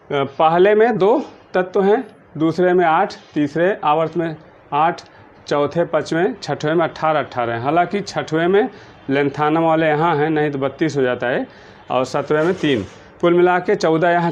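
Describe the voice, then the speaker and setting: A male chemistry teacher, explaining a lesson patiently and chanting mnemonics in a slow sing-song. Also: fairly high pitch. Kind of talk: blackboard-style lesson explanation. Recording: dull lo-fi recording.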